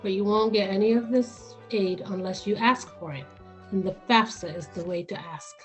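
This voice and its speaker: A woman announcer reading a scripted informational message in a clear, instructive way. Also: mid-range voice, normal speed, rough recording. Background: soft music.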